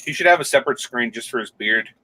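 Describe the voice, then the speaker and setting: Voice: medium pitch, expressive, fast talker, sharp tone, a little hiss or hum, low-quality recording. A speaker ribbing friends on a casual live stream, laughing at their own jokes. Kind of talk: casual joking chat.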